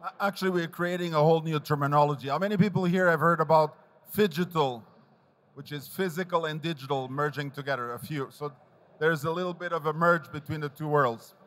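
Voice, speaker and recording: A man's voice: on the high side, brisk, a bit bright. A man moderating a conference panel on a large stage, speaking into a handheld mic and putting questions to panel and audience.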